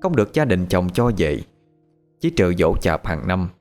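A man narrating a scripted horror story in a dramatic, expressive way. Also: low-pitched, measured pace. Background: faint music.

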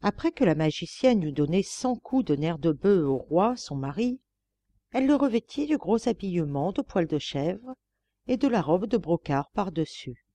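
Female audiobook narrator, measured and expressive, mellow tone, dry close sound. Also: lowish voice, no room sound. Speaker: audiobook reader. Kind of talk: scripted narration of a classic tale.

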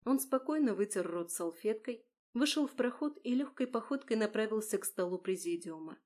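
A woman narrating a first-person story in a measured, dramatic storytelling voice. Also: a little high, lively intonation, a little mellow.

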